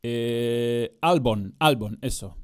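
A man's voice: medium pitch, drawn-out words, smooth. A man with a Chilean accent, chatting casually on a live stream about football and racing while reading viewer comments. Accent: Chilean Spanish. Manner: rambling, laughs often, chatty slang.

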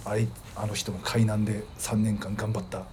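A man's voice: on the low side, flat delivery, a little hiss or hum. A man from Hokkaido co-hosting a casual chat show, telling rambling stories and reading listener mail aloud. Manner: fast, rambling storytelling with soft trailing asides. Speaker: podcast co-host.

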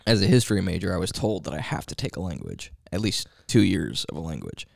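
A man co-hosting a podcast, deadpan and wry, swearing casually as he tells stories. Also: sits low, fast talker, gravelly, no room sound, studio quality. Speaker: podcast co-host. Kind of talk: casual chat.

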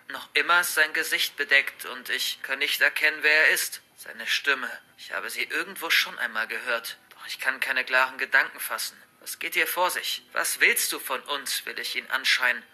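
A man's voice: mid-range voice, pushed and bright. A man narrating a first-person horror story in a tense, dramatic reading.

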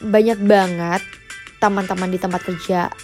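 A woman's voice: medium pitch, steady tone, normal speed, over music. A young woman, hosting her own podcast in a chatty way with lots of fillers and English phrases thrown in. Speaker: podcast host. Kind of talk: casual solo podcast.

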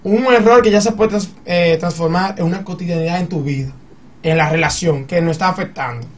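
A man with a high voice talks quickly, piling example on example as he argues in a casual group chat. He sits a bit back from the microphone, so his voice sounds slightly distant. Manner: animated, argues by giving examples.

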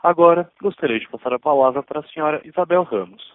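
A man serves as the operator of a conference call, reading set instructions in a quick, formal way. The sound is thin and phone-like. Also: fairly high pitch, dry recording. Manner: formal, brisk. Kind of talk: scripted operator announcement. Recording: tinny phone line.

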